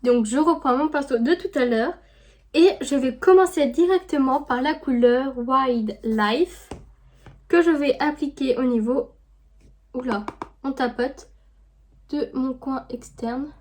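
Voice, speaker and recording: A woman, chatting casually through a makeup tutorial with lots of fillers, dropping to a soft murmur while she works. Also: high voice, slow pace. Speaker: beauty vlogger.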